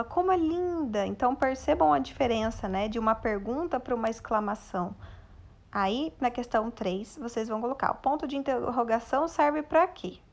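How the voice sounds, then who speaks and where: Gravelly Brazilian teacher woman. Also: on the high side. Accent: Brazilian Portuguese. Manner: patient, asks the class guiding questions. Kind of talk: recorded lesson for children.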